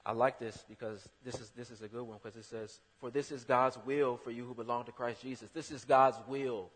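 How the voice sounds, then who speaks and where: A man delivers a sermon in a husky voice of middling pitch. He keeps it conversational but punches key words loudly. The sound carries a long hall reverb. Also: little pitch movement, fairly quick. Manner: conversational, with sudden loud emphatic bursts. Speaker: preacher.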